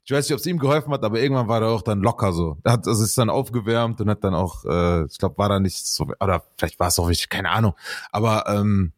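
Man, lowish voice, casual slangy storytelling, laughs a lot, dry close sound. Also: fast, no echo. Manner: laughs often, slangy street talk.

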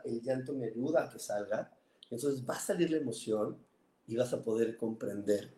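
A man's voice: medium pitch, warm tone, roomy sound. A man, hosting a spiritual self-help podcast in an earnest way, often stacking repeated words for emphasis. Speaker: podcast host.

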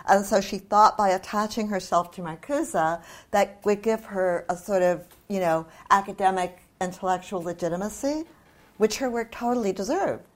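Candid older woman author, medium pitch. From New Zealand. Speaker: author, guest speaker. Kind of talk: conversational literary discussion.

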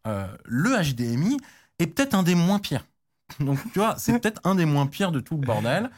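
A man's voice: on the high side, big pitch swings, moderate pace. A man explaining technical standards in casual chat, slangy, with many restarts and fillers. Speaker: tech guest expert.

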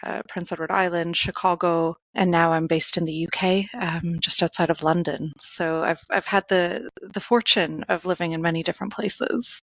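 A Canadian woman speaks as an interview guest, telling personal stories in a conversational way. Her voice is slightly low for a woman, and the sound is dry, with very little room around it. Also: fairly even intonation, moderate pace, few pauses, fairly bright tone, dry recording. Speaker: podcast guest, endurance athlete. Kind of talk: casual conversational storytelling.

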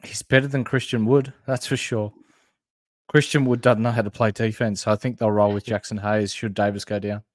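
A man's voice: fairly low pitch, level tone, brisk, dry recording. A man with a broad Australian accent, talking in an informal, agreeable, slangy way as a sports podcast co-host. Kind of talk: casual basketball analysis chat.

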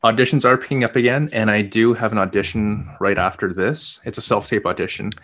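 Male co-host for casual chat show, lowish pitch with a bright, forceful tone. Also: steady tone, a little fast. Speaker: podcast co-host, actor.

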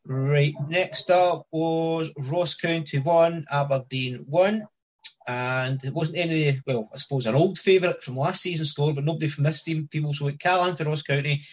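A man's voice: a little high, steady tone, normal speed. A man hosting a casual fantasy football podcast, chatty and steering the talk between co-hosts. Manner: chatty, leads the discussion and hands over to co-hosts. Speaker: podcast host. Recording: lo-fi dull audio.

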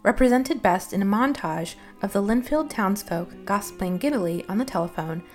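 Woman, medium pitch, articulate scripted film-essay narration, measured delivery, light music behind. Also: lively intonation, a little mellow. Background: music under the voice.

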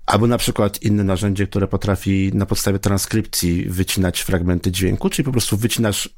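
A man hosting a podcast in casual conversation, thoughtful, pausing on fillers and restarting phrases. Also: low voice, fairly even intonation, darkish tone, dry recording, clean studio sound.

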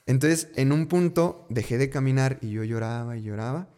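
A man with a Mexican accent tells a story from his own life in a relaxed, chatty way. He loops back on words for emphasis and throws in slangy asides. His voice sits at a middle pitch for a man. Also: moderate pace. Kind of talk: casual storytelling.

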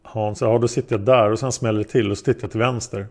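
A man's voice: lowish voice, steady tone, darkish tone, close to an everyday voice. A man voicing a male taxi driver testifying as a witness, answering in a plain, hesitant way. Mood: calm.

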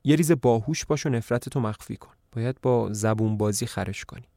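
A man's voice: mid-range voice, creaky, mellow, dry recording, close to an everyday voice. A man voicing a sly, scheming farmer in a plain, dry, close reading, coaxing and sometimes snapping. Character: scheming middle-aged farmer son-in-law.

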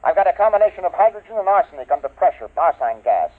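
A brisk male army major explains technical details in an old radio play. He talks fast, with a lively pitch. The sound is thin and tinny. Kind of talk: 1950s radio drama acting.

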